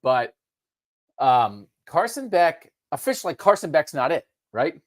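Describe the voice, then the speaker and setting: A man co-hosting a casual sports talk show, animated and jumping up in pitch to stress points. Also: a little slow, no echo, clean studio sound. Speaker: co-host.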